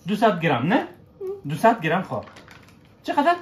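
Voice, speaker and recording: A man, gently coaching his child through baking at home, checking in with short questions. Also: high voice, huge pitch swings. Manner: patient, coaxing, keeps checking with short questions. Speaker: father cooking with his child. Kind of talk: casual instructional chat with a child. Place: home kitchen. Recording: echoey kitchen room.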